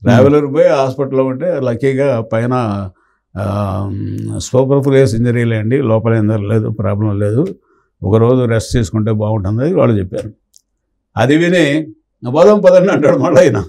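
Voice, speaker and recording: An older man tells stories from his police years, slipping into the voices of the people in them. His voice is dark and mellow, and he talks at an ordinary pace. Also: mid-range voice, normal speed, creaky. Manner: anecdotal, acts out quoted dialogue. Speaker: retired police officer recounting memories. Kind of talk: storytelling in an interview.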